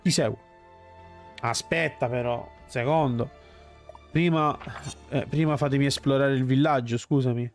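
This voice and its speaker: A man's voice: medium pitch, fairly even intonation, moderate pace. A man giving casual commentary as a gaming streamer. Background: game music.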